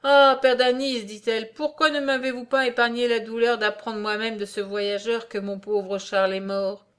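A worn-out old peasant mother in a storybook, pleading and emotional, as a woman reading puts her on. Her fairly high voice carries the strain of long hardship. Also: steady tone, normal speed, natural voice. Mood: anguished. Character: anxious grieving peasant mother, older.

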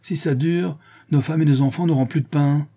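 A man's voice: a little high, steady tone, moderate pace, mellow, pitched above the performer's own voice. A man voicing a big, well-fed young villager smelling of wine, in a blustering, indignant audiobook reading.

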